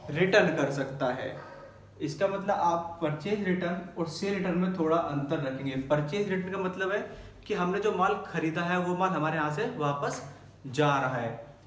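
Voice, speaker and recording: A man's voice: a little high, far from the mic, slight background noise. A male teacher explaining accounting terms in a lesson at a board, often putting a question to the class and answering it himself. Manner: asks and answers his own questions; mixes English terms into Hindi. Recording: echoey room, voice from off mic.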